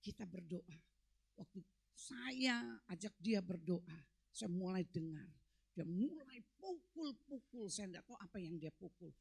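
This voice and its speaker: A woman pastor preaching a sermon with emphatic delivery, swinging between loud peaks and quiet, low drops. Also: lively intonation, measured pace, vocal fry, slightly rough, dry recording.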